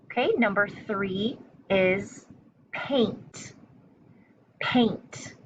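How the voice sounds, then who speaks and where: Speaking extremely slowly in a slightly low, somewhat bright voice, a woman teacher gives a spelling test dictation, deliberately enunciating and repeating words in an instructional, encouraging manner. The recording is muffled and lo-fi with faint noise.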